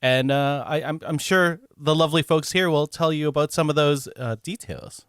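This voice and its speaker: A man's voice: a little high, normal speed, a bit bright, clean tone, no room sound, studio quality. A man co-hosting a live-streamed podcast in a laid-back, easily amused way. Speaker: podcast co-host.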